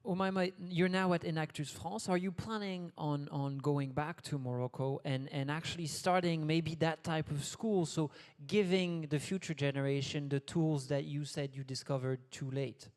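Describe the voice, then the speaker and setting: A man's voice: a little high, steady tone, normal speed, hardly any pauses, a little mellow. Moderator man in a reverberant hall. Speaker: panel moderator. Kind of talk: moderating a panel.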